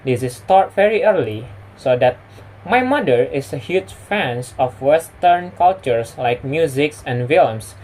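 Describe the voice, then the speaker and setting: A young adult man speaks English with an Indonesian accent, as a native speaker of Indonesian and Minang. His voice sits at a middle pitch. He delivers a prepared personal talk in the way of a student presenting to camera. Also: expressive, unhurried, a little mellow, rough recording. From West Sumatra, Indonesia.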